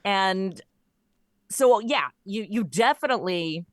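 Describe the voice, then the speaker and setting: A woman with a medium-pitched, lively voice speaks slowly as an interview guest on a podcast, where she's introduced as an audio comedy creator. She tells stories in a casual, conversational way, and the dry recording has clean studio sound.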